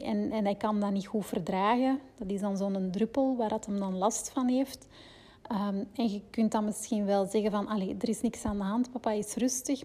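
A woman with a Flemish accent reads a parenting book aloud in a mellow, darker tone. She keeps an even reading pace, then slips into rambling asides full of hesitations. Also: fairly high pitch. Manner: reads steadily, then rambles with fillers in her own asides.

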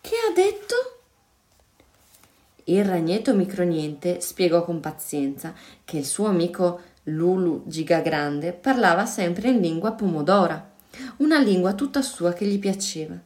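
A woman reads a children's story aloud in a warmly paced, expressive voice. Her delivery is playful, leaning into the rhythm of the words. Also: on the low side, measured pace.

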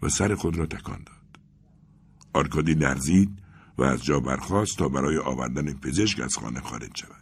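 A man narrating a literary story in a measured, grave, dramatic reading style. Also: very deep voice, slightly rough. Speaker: audiobook narrator.

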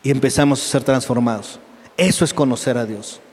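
A male pastor preaching a lively, humorous sermon, often asking the congregation questions. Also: medium pitch, a little fast, in a large hall. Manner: lively and humorous, with frequent call-and-response questions.

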